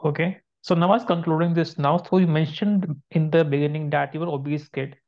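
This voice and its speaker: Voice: medium pitch, fairly even intonation, fairly quick. An interviewer, asking conversational questions and giving short acknowledgements. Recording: dull, slightly muffled sound.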